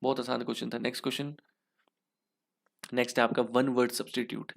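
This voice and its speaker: Talking fast in a level, creaky, mid-range voice, the young Indian-accented teacher covers an exam lesson in Hinglish. He lays out every answer step by step, posing questions and answering them himself.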